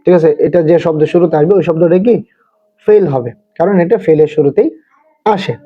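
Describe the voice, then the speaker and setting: A Bangladeshi man with a fairly high voice gives a methodical grammar lecture, explaining each term with examples before summing up. The sound is narrow and tinny, as if it were heard over a phone line. His delivery is that of a patient classroom teacher. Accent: Bangladeshi Bengali.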